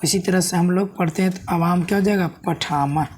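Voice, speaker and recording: A man's voice: sits high, flat delivery, quick pace, a little mellow, slight background noise. Man teaching grammar, quizzing viewers. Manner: explains step by step, keeps asking "है ना?" and quizzing the viewer. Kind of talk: classroom-style video lesson.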